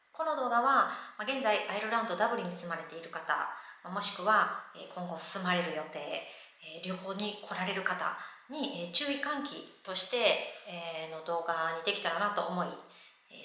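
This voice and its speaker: Woman vlogger, Kansai accent, animated storyteller who acts out her story, clear bright tone, heavy room echo. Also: lowish voice. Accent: Kansai Japanese. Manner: lively retelling that acts out the people in her story. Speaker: vlogger living abroad. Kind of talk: casual storytelling to camera. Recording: very echoey room.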